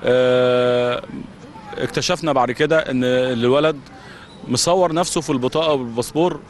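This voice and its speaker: A middle-aged man with an Egyptian accent, a youth club official answering interview questions on a handheld mic at an outdoor football pitch at night. He argues heatedly and fires off rhetorical questions. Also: normal speed, a little hiss or hum. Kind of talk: studio-style interview answers.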